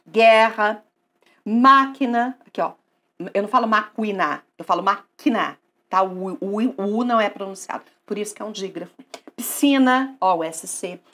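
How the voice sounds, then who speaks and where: A woman teaching a grammar lesson online, asking and answering her own questions in a coaxing, lively way. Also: mid-range voice.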